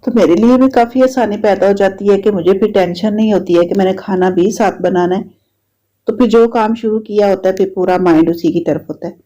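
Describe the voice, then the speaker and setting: Fairly quick and medium in pitch, this woman's voice has a Pakistani Urdu accent and a hint of a sore throat. She's a vlogger chatting through her home video diary, repetitive and relaxed in her storytelling, on dull lo-fi audio.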